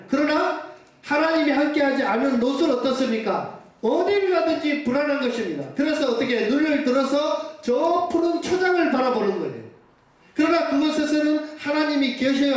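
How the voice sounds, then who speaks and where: High-voiced male preacher in an echoey hall. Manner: asks the congregation rhetorical questions and answers them; urges listeners to say amen. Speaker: pastor. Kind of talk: sermon. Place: church sanctuary. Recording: echoey church hall from far off.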